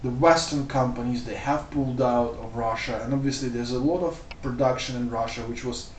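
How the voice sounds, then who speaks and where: A man's voice: mid-range voice, steady tone, fairly quick, slight background noise. Rambling man, roomy distant sound. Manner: loose and rambling, full of "like" and "you know". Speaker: vlogger. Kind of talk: casual spoken commentary.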